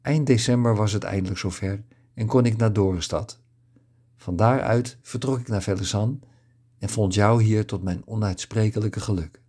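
A man reading a novel aloud as a calm, even narrator. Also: on the low side. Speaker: audiobook narrator. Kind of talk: scripted narration.

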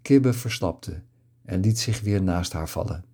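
A man reading a novel aloud as a calm, even narrator. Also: low voice, a little slow. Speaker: audiobook narrator. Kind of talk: scripted narration.

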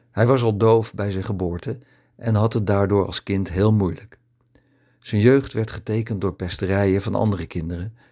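Deep-voiced male audiobook narrator. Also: a little mellow. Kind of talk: scripted narration.

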